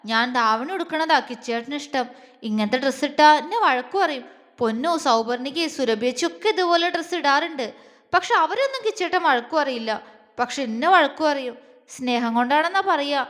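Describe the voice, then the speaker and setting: A woman's voice: high-pitched, brisk, natural voice. A woman voicing a shy, timid young woman who speaks hesitantly and stammers, with a long reverb on the voice.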